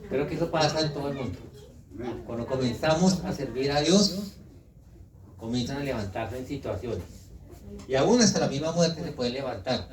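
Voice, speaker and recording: A man with a Colombian accent preaching a lively sermon, asking the congregation questions and acting out quotes. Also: medium pitch, normal speed, long pauses, crowd noise. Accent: Colombian Spanish. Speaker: visiting pastor. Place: church hall. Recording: echoey hall, mic far off, congregation audible.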